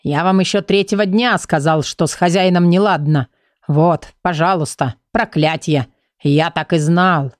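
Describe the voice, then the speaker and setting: A woman's voice: lowish voice, a little slow, no echo, studio quality, close to an everyday voice. A woman doing a grumbling old book. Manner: grumbling, told-you-so. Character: grumpy fat male magic book, know-it-all. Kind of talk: audiobook character voice.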